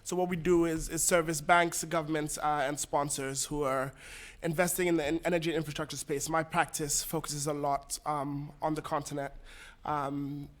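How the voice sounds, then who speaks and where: A man's voice: fairly high pitch, little pitch movement, normal speed. A young man from Ghana, introducing himself as a panelist. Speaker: panelist, lawyer.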